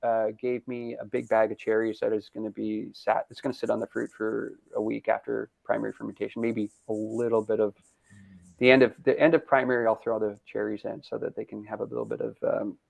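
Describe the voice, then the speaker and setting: A brewery founder chatting casually in an interview, upbeat and rambling, laughing often, over a video call. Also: male voice, lowish voice, little pitch movement, brisk, vocal fry, darkish tone, no echo. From Canada. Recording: dull lo-fi video call audio.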